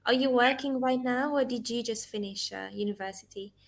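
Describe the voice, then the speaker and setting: A woman in her twenties who tutors English chats casually on a video call. Her voice sits on the high side and moves fairly quickly, and she giggles often and fires off lots of questions.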